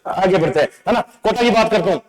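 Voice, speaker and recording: A man teaching an exam-prep lesson, playful and asking quick quizzing questions over and over. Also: high voice, low-quality recording. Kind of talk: exam-prep lecture with memory tricks.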